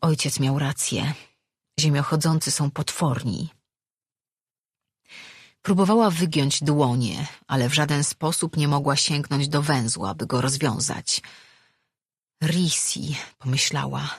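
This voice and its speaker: An audiobook narrator reading a tense adventure story in a steady, measured way. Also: medium pitch, breathy edge, dry recording, studio quality. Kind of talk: scripted narration.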